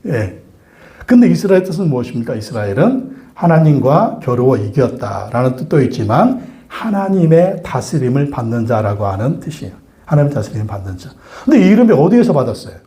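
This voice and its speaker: Korean pastor preaching, mellow voice. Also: male voice, medium pitch, very animated, a little fast, reverberant. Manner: asks the congregation questions and answers them himself; repeats key phrases for emphasis. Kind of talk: sermon.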